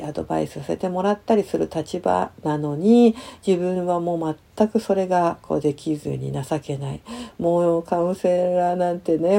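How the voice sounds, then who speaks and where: A middle-aged woman counselor telling a personal story softly and hesitantly, with many fillers and lively sound words. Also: lowish voice, gravelly.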